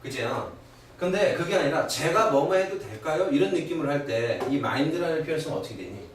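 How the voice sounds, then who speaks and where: A man's voice: on the high side, moderate pace. A middle-aged man teaching English grammar in a classroom lecture, constantly checking in with his students. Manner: animated, keeps asking "그지?" and "오케이?". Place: academy classroom. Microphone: far camera. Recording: very echoey old classroom recording from far off, faint hiss.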